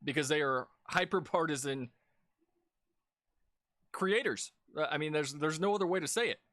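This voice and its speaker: A man co-hosting a reaction video, arguing his points deliberately. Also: on the high side, fairly bright tone, dry recording, clean studio sound. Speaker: co-host. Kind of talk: casual reaction commentary.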